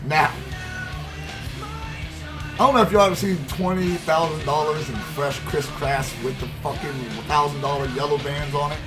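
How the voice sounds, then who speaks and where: Seated at a gaming desk in an indoor room, a young man streams and meanders through a casual story at a moderate pace, his slightly high voice going into a headset. He's profane and lively, with lots of filler words, while guitar music plays clearly in the background.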